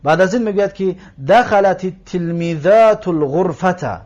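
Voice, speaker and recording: A man teaching an Arabic grammar lesson in Persian, explaining slowly, repeating words and checking that listeners follow. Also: high voice, a little mellow. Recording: dull lo-fi recording.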